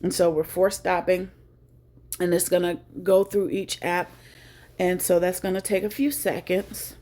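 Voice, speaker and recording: Fairly low in pitch and mellow, this woman's delivery is flat and a little slow. As a tech tutorial host, she runs a casual screen-share lesson on a phone, chatty and joking while thinking out loud.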